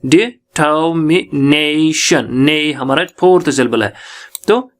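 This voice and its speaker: Slow-talking male English teacher, Kashmiri accent. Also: medium pitch. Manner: reads English text slowly, then explains in Hindi. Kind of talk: classroom lecture in Hindi mixing English.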